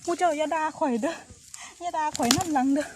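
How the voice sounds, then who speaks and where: A woman with an Isan accent chatting breathlessly to her viewers while foraging outdoors, full of excited exclamations. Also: high voice, fast. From Northeast Thailand. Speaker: vlogger. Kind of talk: casual vlog narration. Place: outdoors on a forested hillside. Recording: outdoor recording with heavy background noise.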